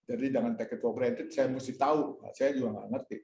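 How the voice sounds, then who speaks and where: A man talks to a church fellowship in a relaxed, preaching way. He tells a personal story and acts out each line of the dialogue himself. His voice carries some room echo. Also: mid-range voice, fairly quick, a little hiss or hum. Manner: addresses listeners as "Saudara". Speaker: speaker at a church fellowship meeting. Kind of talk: casual sermon-like talk answering questions.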